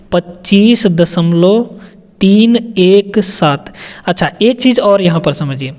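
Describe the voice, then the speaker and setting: A male math teacher explains sums in a classroom lesson, repeating each step and checking in with the class often by saying "है ना?". His voice is high and a little mellow. The audio is dull and lo-fi with a long reverb tail.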